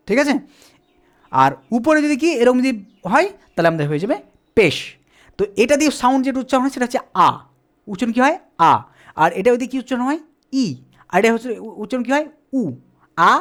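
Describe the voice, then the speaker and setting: A teacher giving a whiteboard lesson, explaining step by step, often asking questions and answering them himself. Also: high voice. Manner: asks questions and answers them, repeats "ঠিক আছে?". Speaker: Quran reading teacher.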